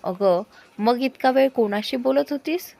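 A woman voicing a shy, guarded young heroine in a spoken love story, reserved and gently questioning. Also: a little high, unhurried, creaky. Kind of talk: storybook character voice.

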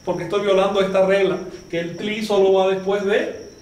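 A man with a fairly high voice teaches a class, explaining slowly and firing questions at his students. He is heard from a distance in a very echoey room. Faint noise sits behind him. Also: little pitch movement, a little mellow. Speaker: language teacher. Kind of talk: classroom lesson.

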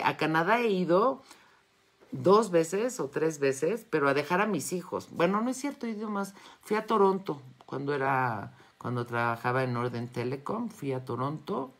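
A woman in her fifties with a Mexican accent, a wellness and metaphysics teacher, hosts a live Q&A, chatting casually and effusively with followers. Her voice is low but fairly bright. She's in a home study lined with bookshelves, talking into a phone or tablet held at arm's length.

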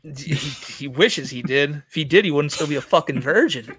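A man's voice: a little high, animated, moderate pace, a bit bright, a little hiss or hum. A man hosting a casual commentary podcast, crude and mocking, talking to his chat. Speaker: podcast host.

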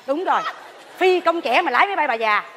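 A woman playing a nosy, pious neighbor in a stage comedy, gossiping with loud exclamations and hushed asides. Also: high voice, animated, fast talker, a little hiss or hum. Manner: gossipy, exclaims loudly, then drops to a whisper. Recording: stage hall reverb, faint audience.

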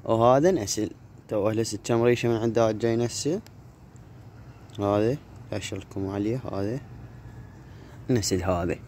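On an open rooftop bordered by low brick walls, a pigeon keeper and channel host films himself by hand with his phone, chatting casually. He speaks with an Iraqi Arabic accent in a fairly low, darkish voice at a moderate pace, pausing often. Faint background noise comes through the outdoor audio.

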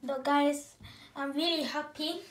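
Girl gamer vlogger, high voice, talks slow and rambly, keeps tripping over her words. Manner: excited, rambling, self-correcting. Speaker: gaming channel host. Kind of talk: casual unboxing vlog.

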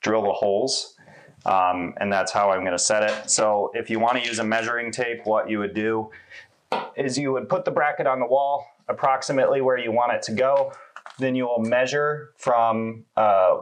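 Lowish-voiced man explaining an install. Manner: relaxed, conversational, with fillers. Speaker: installation demonstrator. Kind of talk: casual how-to walkthrough. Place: small indoor laundry room.

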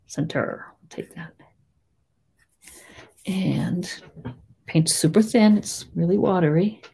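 A woman with a Boston accent giving a chatty, rambling step-by-step painting tutorial, full of gentle little asides. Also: deep voice, husky. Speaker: painting teacher.

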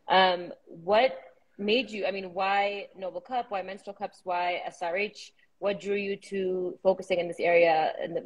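A woman's voice: lowish voice, a little hiss or hum, poor audio. Woman host asking questions over a video call. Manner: hesitant, frequent ums.

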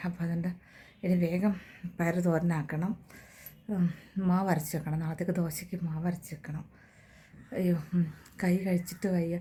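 A woman's voice: on the low side, mellow. Chatty woman vlogging at home. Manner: chatty, talking to camera while doing chores. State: in pain from a hurt hand. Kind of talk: casual home vlog chat.

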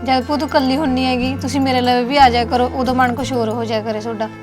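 A woman's voice: high voice, level tone, over music, close to an everyday voice. A young woman playing a caring married niece who reassures her aunt. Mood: reassuring. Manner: rapid, reassuring.

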